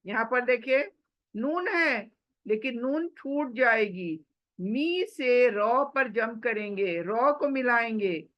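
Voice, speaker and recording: A woman teaching a tajweed class, patiently explaining rules step by step and sounding out recitation examples slowly, mixing English words into her talk. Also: on the high side, animated, muffled recording. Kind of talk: slow step-by-step recitation lesson.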